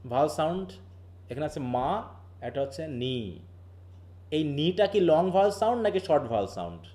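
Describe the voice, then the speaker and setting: A man leads a live online class, explaining each point step by step and stopping often to ask his students questions. His voice sits a little higher than most men's, and he moves easily between English terms and his own talk. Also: big pitch swings, fairly quick, warm tone. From Bangladesh. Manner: explains patiently and keeps quizzing students. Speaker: English linguistics teacher.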